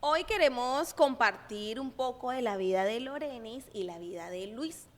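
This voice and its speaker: A woman's voice: fairly high pitch, expressive, normal speed, a little hiss or hum. A woman hosting a church livestream talk show, upbeat and welcoming, playful with her guests. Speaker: host. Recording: reverberant hall.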